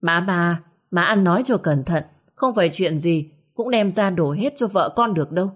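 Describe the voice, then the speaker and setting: A woman's voice: fairly low pitch, moderate pace, natural voice. Woman playing a curt, firm young son. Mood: sharp. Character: young man, protective stern second son.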